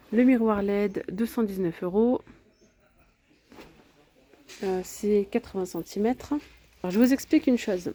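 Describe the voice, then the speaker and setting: A woman's voice: mid-range voice, warm tone. A woman chatting casually as she walks through a large home improvement store, listing prices and sizes with many fillers, recorded on a handheld phone. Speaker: vlogger touring a store. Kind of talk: casual shopping walkthrough.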